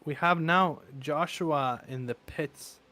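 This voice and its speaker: A man calling a sim race live, talking through his race-day hoarseness with lots of fillers and restarts. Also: fairly high pitch, slow. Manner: excitable, many fillers and restarts. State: voice wearing out. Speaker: race commentator. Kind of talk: live sim racing commentary. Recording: noisy stream with engine sounds. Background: race car engine noise.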